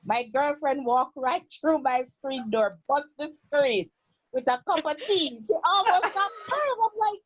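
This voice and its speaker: Woman participant, high voice, lively and emphatic. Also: unhurried, rough recording. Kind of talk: casual anecdote.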